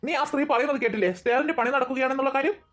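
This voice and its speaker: A woman's voice: sits high, rapid-fire. A woman voicing a stern, thrifty father of two girls in a cartoon, bossy and lecturing. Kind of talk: cartoon voice acting.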